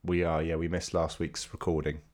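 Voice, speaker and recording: A man with a very low-pitched voice that sounds nasal and congested with a slight cold. He talks casually, as the host of a podcast. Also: flat delivery, moderate pace, darkish tone. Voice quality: nasal, stuffed-up voice.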